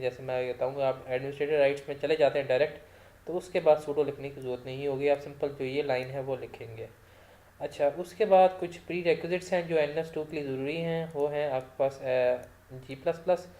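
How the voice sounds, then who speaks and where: A male lecturer with a sore throat who coughs now and then, giving a casual software tutorial. He rambles, often corrects himself and mixes in English technical terms. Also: a little high. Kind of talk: screen-recorded software tutorial.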